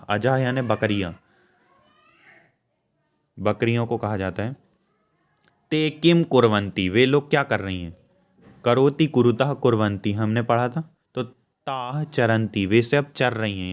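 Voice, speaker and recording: A young man, explaining a school lesson patiently and slowly. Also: medium pitch. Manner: slow, patient explanation with frequent asides to students. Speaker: teacher.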